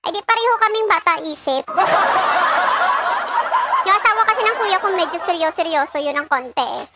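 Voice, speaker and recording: A woman's voice: very high-pitched, quick pace. A middle-aged woman, chatting casually and joking while she decorates a cake, laughing often and mixing in English. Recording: loud background noise.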